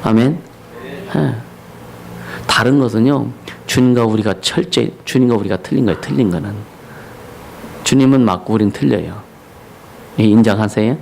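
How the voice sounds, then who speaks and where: A male pastor preaching a Sunday sermon, often asking the congregation questions and rising to loud declamation on scripture and slogans. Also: fairly low pitch, moderate pace, gravelly, long pauses, slight background noise, low-quality recording. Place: church sanctuary.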